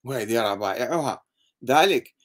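A man's voice: medium pitch, animated, brisk. A man with an Iraqi Arabic accent giving a critical lecture, sarcastic and full of rhetorical questions. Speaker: religious critic.

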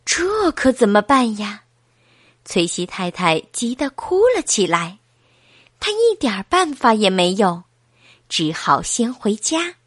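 A woman reading a children's story aloud in a slow, expressive storytelling manner. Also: medium pitch, no echo, studio quality.

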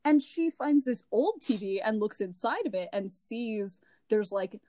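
A woman's voice: on the high side, expressive, measured pace, mellow. A woman co-hosting a casual film review podcast, adding joking, sarcastic asides. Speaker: podcast co-host.

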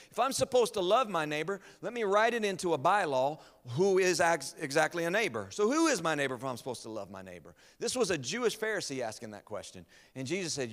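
Impassioned male preacher in a hall. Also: a little high. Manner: impassioned, rhetorical, swings between loud and hushed. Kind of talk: sermon. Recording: long hall reverb.

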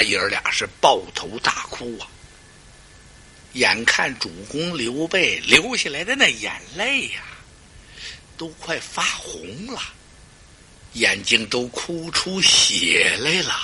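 A man's voice: on the high side, pushed and bright, slightly rough. A male storyteller performing a traditional tale dramatically, with asides to the listener.

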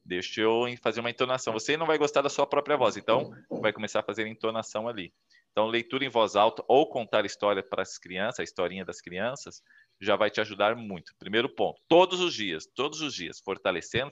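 Here a man with a lowish, slightly bright voice offers interview tips on communicating well. He walks through his points one by one, performing the quoted voices as he tells little stories. The audio is lo-fi and dull.

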